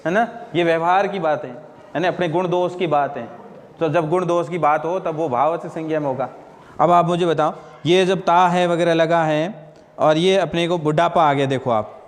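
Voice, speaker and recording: High-voiced man teaching Hindi grammar. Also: big-room sound. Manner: asks and answers own questions, repeats "ठीक है ना?". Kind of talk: classroom lecture.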